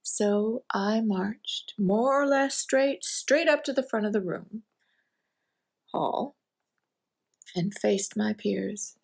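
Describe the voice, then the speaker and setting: A woman's voice: mid-range voice, slow, gravelly, pauses often, a little mellow. A woman performing a theatrical monologue as a wry, hard-drinking middle-aged woman, sardonic and self-mocking.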